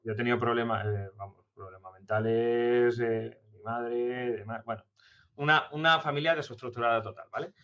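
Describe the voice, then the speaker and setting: A man's voice: mid-range voice, fairly even intonation, moderate pace, a bit bright. Rambling man, lo-fi sound. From La Mancha, Spain. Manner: rambling, frank, many fillers. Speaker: podcast guest. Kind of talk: casual chat. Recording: slightly dull lo-fi sound.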